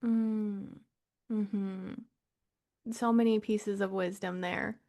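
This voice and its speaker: A woman's voice: medium pitch, fairly even intonation, very slow, warm tone. A woman hosting an interview podcast, asking reflective questions and affirming what her guest says. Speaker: podcast host.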